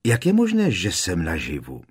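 A man's voice: sits low, huge pitch swings, husky, full character voice. A man voicing an earnest, bewildered teenage boy wizard in an audiobook, hesitant as he asks. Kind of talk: audiobook character voice.

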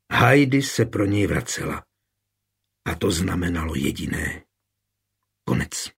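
A man reading a historical novel aloud as audiobook narrator, in steady, measured storytelling. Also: medium pitch, breathy edge. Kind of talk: scripted narration.

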